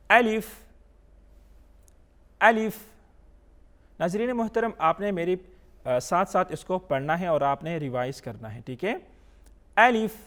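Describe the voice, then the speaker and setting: A man teaching a Quran reading lesson, asking questions and answering them himself, drawing out each letter as he recites it. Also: high voice. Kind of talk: slow teaching lesson with call-and-repeat recitation.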